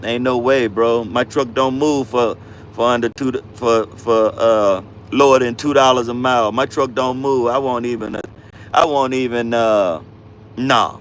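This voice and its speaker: Casual trucker host in his fifties, mid-pitched, easygoing slang, light outdoor traffic noise behind him. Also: fairly even intonation, a little slow. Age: 50s. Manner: laid-back slang-heavy talk, calls viewers bro and fam. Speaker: livestream host, truck driver. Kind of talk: casual livestream chat reading viewer comments.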